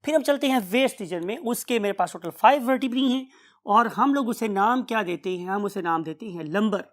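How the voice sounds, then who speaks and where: A woman's voice: medium pitch, animated, brisk. A woman giving a biology class lecture. She poses questions to her students, answers them herself, checks in with "right?", and drops English terms into her explanation. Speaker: biology teacher.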